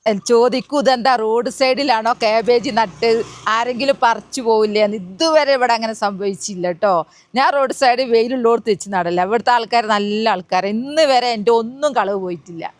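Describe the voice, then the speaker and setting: A woman with a higher-pitched voice talks fairly quickly and directly to her viewers in a casual gardening vlog. She's chatty, recording outdoors in a garden that sits beside a road.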